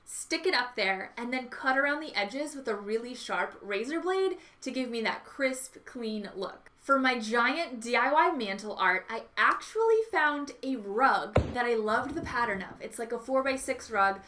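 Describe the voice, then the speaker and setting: A woman's voice: fairly high pitch, animated, measured pace, few pauses, pushed and bright. A woman hosting a home makeover vlog with upbeat, enthusiastic, gushing DIY narration.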